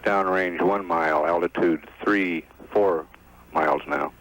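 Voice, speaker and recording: A man's voice: low voice, steady tone, measured pace. A man giving factual, formal technical flight commentary from mission control, reading out figures. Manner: factual, formal number readouts. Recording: noisy archival radio broadcast.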